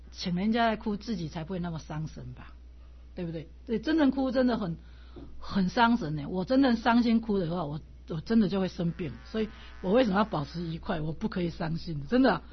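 An older woman from Taiwan, a lay Buddhist teacher, telling animated stories in a casual way and laughing often. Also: mid-range voice, slightly rough. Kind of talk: casual storytelling talk. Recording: dull lo-fi recording.

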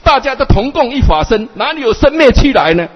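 A man puts on a stern male bodhisattva teacher with a high, husky voice that scolds his foolish pupil. The lines rise and fall in a sing-song, exasperated lilt. The recording is dull and rings with long hall reverb. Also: very animated, a little fast, heavily acted. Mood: scolding.

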